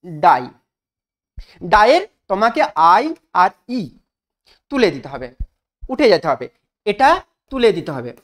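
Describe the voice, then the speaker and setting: A woman teaching an English grammar lesson in style, asking her students questions and repeating each rule slowly for emphasis. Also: mid-range voice, very animated.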